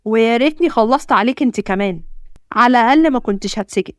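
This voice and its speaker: Storybook villain: woman voicing a cold, mocking Egyptian father, fast, high. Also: animated, no room sound, studio quality, natural voice. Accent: Egyptian Arabic. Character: cold, heartless older father.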